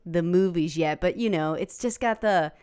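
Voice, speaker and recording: A woman's voice: on the low side, normal speed, darkish tone, clear, resonant tone. A woman co-hosting a podcast, chatting casually, blunt and rambling, swearing often. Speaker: podcast co-host. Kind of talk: casual chat.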